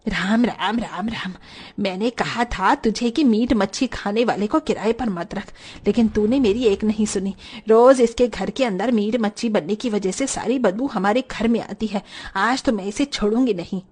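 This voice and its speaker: A woman voicing a short-tempered, strict older landlady in an animated story, scolding and shouting. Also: medium pitch, normal speed, husky, soft background music, close to an everyday voice. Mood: angry scolding.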